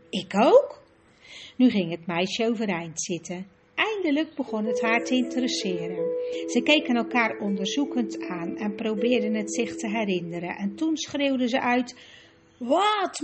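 Woman calmly reading a children's story. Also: a little high, moderate pace. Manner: calm, gentle storytelling. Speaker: narrator. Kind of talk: audiobook narration of a children's story. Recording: music playing behind the voice. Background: music.

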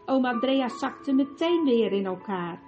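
A woman narrating a children's storybook in a lively way, with asides to the listener. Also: fairly high pitch, measured pace. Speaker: audiobook narrator. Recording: lo-fi with music behind.

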